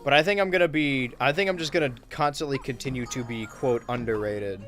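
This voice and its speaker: A man's voice: mid-range voice, brisk, fairly bright tone, faint music behind. Laid-back young man streaming a game. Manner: laid-back, wry, reads chat aloud while playing. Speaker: streamer and YouTuber. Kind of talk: casual gaming livestream chat.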